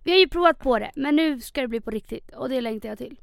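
A woman's voice: high voice, creaky, no echo, clean studio sound. A 25-year-old woman chatting animatedly as a podcast co-host, often stumbling over her first words. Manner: animated, chatty, repeats words when starting. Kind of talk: casual chat.

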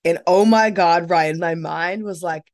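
A young adult woman co-hosting a podcast, telling an animated, casual story with some swearing. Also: lowish voice, a little slow. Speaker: podcast co-host. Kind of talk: casual chat.

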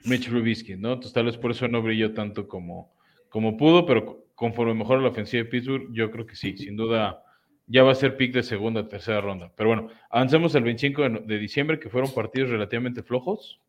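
This sports talk podcast co-host, a man with a mid-range voice, talks fast and analytically about games in a casual style, often dropping fillers. His recording sounds lo-fi and muffled.

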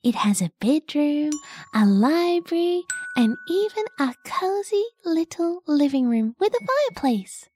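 A woman voicing a cheery little caterpillar with a squeaky, sing-song and delighted manner, in a children's story. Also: big pitch swings, measured pace, warm tone, faint music behind.

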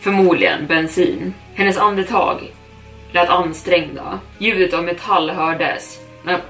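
Woman reading a spooky first-person story, lowish voice, kinda far from mic, faint music. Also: steady tone, fairly bright tone.

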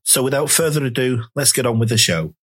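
A man's voice: mid-range voice, expressive, fairly quick, very noisy. A man hosting a podcast interview, chatty and friendly, often restarting his phrases. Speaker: podcast host. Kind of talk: casual interview.

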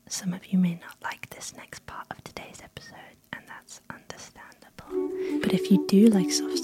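A woman host doing whispered role-play, speaking in a soft, breathy whisper. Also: mid-range voice, rough recording. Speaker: podcast host.

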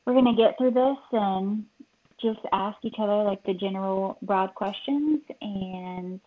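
A woman's voice: mid-range voice, a little slow. A woman guest talks earnestly, giving direct and heartfelt advice. Her voice comes through a thin, tinny phone line. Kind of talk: casual chat.

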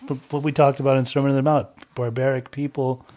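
A middle-aged man born in Germany who grew up in the States, a guest in a casual chat telling his family story in a relaxed, frank way with the odd curse. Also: mid-range voice, fast talker. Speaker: podcast guest.

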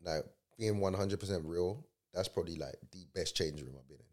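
Fast, deep London roadman male voice. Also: a little mellow. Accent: London, urban street. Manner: slangy, peppered with check-in tags. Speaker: guest, professional footballer. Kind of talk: casual chat.

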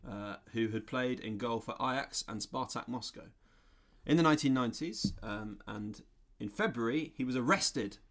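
A man co-hosting a podcast, relaxed and casual, telling news stories for a guessing game and chuckling often. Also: medium pitch. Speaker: podcast co-host presenting stories. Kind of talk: casual chat.

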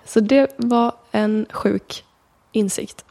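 A woman in her twenties, a podcast guest telling stories in casual chat with quick tangents. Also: a little high, fairly even intonation, gravelly, mellow. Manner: chatty storyteller, quick tangents.

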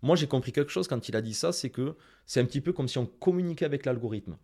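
A man's voice: mid-range voice, fast. A man from Toulouse with a southern French accent and a mid-range voice talks in a casual interview. He gives advice directly and with energy, often turning to the listener. He never sounds scripted. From Toulouse, France. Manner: direct, lively advice-giving, speaks straight to listeners. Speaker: guest, Instagram marketing expert.

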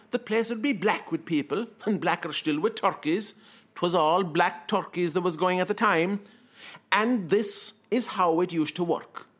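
A man with an Irish accent from Kerry tells folksy comic tales in the lilting manner of a traditional storyteller. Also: sits high. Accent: Irish, County Kerry.

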